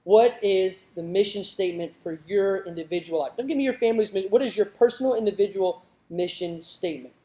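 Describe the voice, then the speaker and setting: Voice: medium pitch, a little fast, few pauses, dark tone. A youth pastor preaching a sermon in a conversational way that rises to emphatic moments. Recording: roomy echoing hall.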